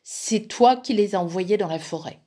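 Woman voicing a calm old father. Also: high-pitched, normal speed, husky, voice pushed up, heavily acted. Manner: quiet, tranquil.

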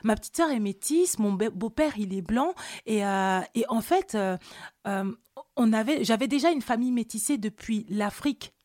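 A woman from Cameroon hosting a podcast, telling personal stories in a casual, animated interview chat. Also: on the high side, normal speed, dry recording, studio quality. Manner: animated storytelling, many fillers. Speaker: podcast host.

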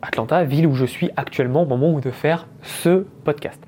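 A man's voice: a little high, brisk, mellow, a little hiss or hum. A man in his thirties from France, hosting a podcast and telling a story in a casual, chatty way, mixing English business words into his talk. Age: 30s. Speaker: podcast host.

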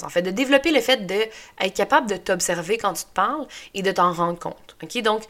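A woman's voice: mid-range voice, a bit bright. A young woman with a Québécois French accent talking as a podcast host in a casual motivational monologue, chatty and full of fillers, with English phrases mixed in.

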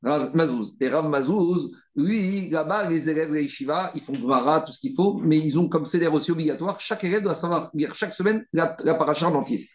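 A man teaching a Talmud study class, animated and repetitive, rallying his students with frequent asides. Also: fairly high pitch, fairly quick, hardly any pauses. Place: study room with students, also streamed on video call. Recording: echoey room.

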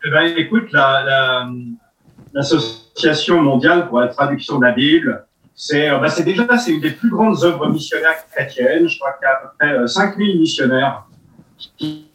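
A man's voice: on the high side, normal speed, fairly bright tone. A man joining a show remotely, telling a story with many fillers. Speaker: remote guest. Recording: echoey remote call from a distance.

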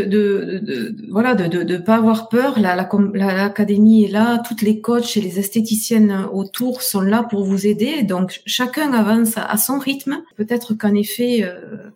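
A middle-aged woman from southern France, with a matching accent, is a business owner appearing as a guest on a live podcast interview. Her mid-range voice has a dark tone, and she speaks earnestly and from the heart, though haltingly, stumbling and repeating words.

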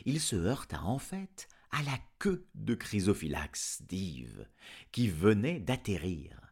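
A man narrating a storybook aloud in an expressive, dramatic reading. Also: lowish voice, slow pace, creaky, husky. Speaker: audiobook reader.

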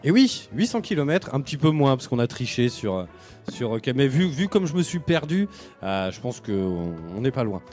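Lively male storyteller, slangy and chatty, faint music bed. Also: medium pitch, moderate pace. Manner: animated, slangy, acts out people he met. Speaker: podcast host telling a road trip. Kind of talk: casual storytelling chat.

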